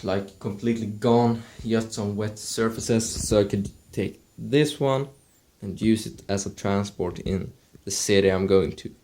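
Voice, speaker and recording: Slow, low-voiced young man vlogging at home. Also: fairly even intonation, warm tone. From Sweden. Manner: slow and halting, with many restarts. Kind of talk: casual vlog. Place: at home indoors.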